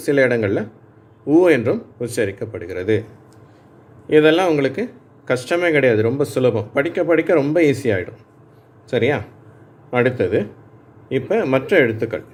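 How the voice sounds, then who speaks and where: A man with a Tamil accent teaching English letter sounds, speaking slowly, repeating each sound and checking that his learners follow. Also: medium pitch, a little mellow. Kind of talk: patient classroom lesson.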